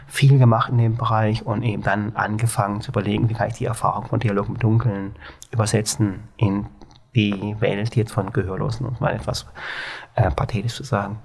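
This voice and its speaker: A man's voice: on the low side, level tone, brisk, gravelly, breathy edge. A man from Baden-Baden with a Baden accent, speaking hesitantly with many fillers as a guest in an interview. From Baden-Baden, Germany. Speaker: guest, exhibition founder. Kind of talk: reflective interview talk.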